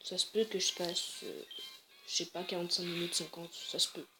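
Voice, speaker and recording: A woman's voice: on the low side, steady tone, moderate pace, over music. A woman casually commenting on her game, chatty and hesitant, often correcting herself. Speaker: let's play gamer.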